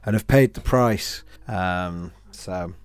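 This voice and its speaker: A man hosting a casual football podcast, slightly hoarse, talking with dry, self-deprecating humour. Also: sits low, slow pace, no echo. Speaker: podcast host. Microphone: remote call, own mic.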